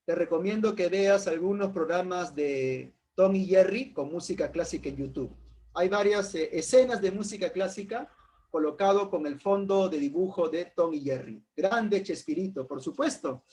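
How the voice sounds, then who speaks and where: A man with a high, slightly mellow voice speaks at normal speed while teaching an informal philosophy class. He calls on students by name, poses rhetorical questions, and cracks jokes.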